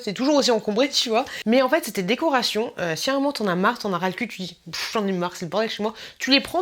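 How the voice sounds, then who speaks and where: Young woman, vlogger, slightly high voice, laughing, slangy, casual to camera. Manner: chatty, laughing, slangy, mimics people with sudden high voices.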